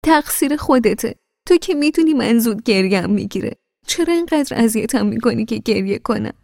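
A woman's voice: sits high, pitched above the performer's own voice, close to an everyday voice. A woman reading an audiobook, voicing a tearful young wife who pleads in a raised, insistent voice. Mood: hurt.

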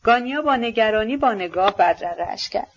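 A woman reading a classic novel aloud in a steady, measured narration. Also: fairly high pitch, slightly rough, highs cut off. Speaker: audiobook narrator. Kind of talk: scripted audiobook narration.

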